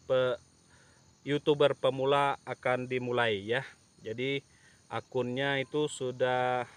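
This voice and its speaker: Slow, halting man vlogging outdoors. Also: medium pitch, fairly bright tone, clean tone. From Indonesia. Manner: slow, halting with many fillers. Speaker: YouTube channel owner. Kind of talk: casual vlog talk to camera. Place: outdoors at an oil palm plantation. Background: insects and rural outdoor ambience.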